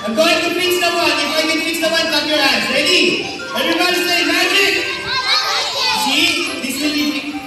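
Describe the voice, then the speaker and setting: A high-pitched children's magician with a Filipino accent works the audience with playful, exclamatory comedy patter. The voice rings through a large, very echoey hall, over loud music and crowd noise. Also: a little fast, far from the mic. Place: large indoor hall at a family event.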